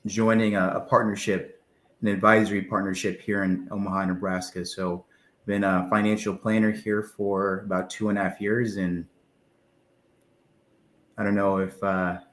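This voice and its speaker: Low-voiced young man in an echoey room. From Zimbabwe. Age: 20s. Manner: relaxed, friendly, halting with fillers. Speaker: guest, financial planner. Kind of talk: casual interview answers.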